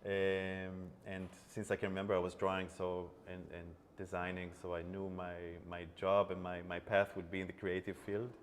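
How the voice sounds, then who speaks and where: A man from Israel, an animation studio co-founder, speaking on a panel in a measured way that trails off softly at phrase ends. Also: deep voice, completely flat delivery. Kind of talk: panel talk. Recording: long hall reverb, faint background noise.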